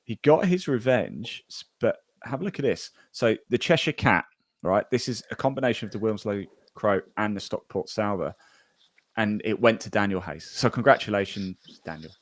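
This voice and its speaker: A man hosts a golf podcast in a loose, chatty way. He rambles and restarts often as he reads through the results. His voice sits fairly low and sounds dry and close to the mic. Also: lively intonation, moderate pace, dry recording. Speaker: podcast host. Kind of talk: casual podcast chat reading golf news.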